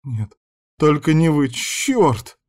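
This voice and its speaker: A man's voice: sing-song, slow pace, darkish tone. A man voicing a sobbing young actress. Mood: screaming. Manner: sobbing, shrill outbursts. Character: heartbroken young actress, tearful and fiery.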